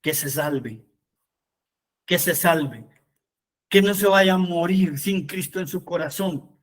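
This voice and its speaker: A preacher leading a Bible study, this man has a voice that sits high for a man, and he takes things slowly. He alternates between reading scripture aloud and making fervent appeals to his listeners.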